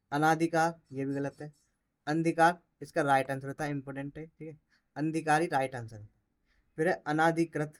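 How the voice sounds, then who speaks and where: A man teaching an exam-prep spelling lesson in a slightly high voice. He calls out each word with a loud push, then drops his voice to explain how it is spelled correctly. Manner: drills each word as wrong then right, stressing key words louder.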